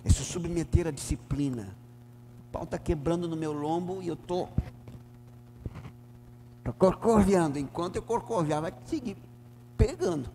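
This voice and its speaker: A man with a southern Brazilian gaúcho accent, a pastor teaching a Bible lesson emphatically, swinging from loud to soft. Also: a little high, moderate pace, long pauses. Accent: southern Brazilian, Rio Grande do Sul. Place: church hall. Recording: reverberant church hall, faint hum.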